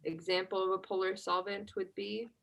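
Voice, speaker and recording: A woman's voice: medium pitch, normal speed, gravelly, poor audio. A woman chemistry instructor leading an exam review, talking casually and checking in with the class after nearly every point. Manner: checks understanding constantly with "right?"; relaxed conversational teaching, asks class questions.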